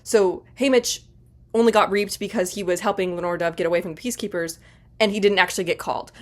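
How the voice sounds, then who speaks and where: Recapping a book from her home in front of a bookshelf, a young woman book vlogger chats in a fast, bubbly, rambling way, sounding congested from a cold. Her voice is mid-range with a darkish tone, and the recording is dry.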